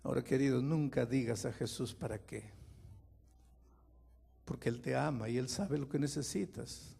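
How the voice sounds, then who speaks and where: A man, a pastor, preaching a dramatic sermon, moving from quiet storytelling to loud impassioned pleading and putting questions straight to his listeners. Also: medium pitch, fairly quick, creaky, husky. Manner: speaks to listeners directly with questions.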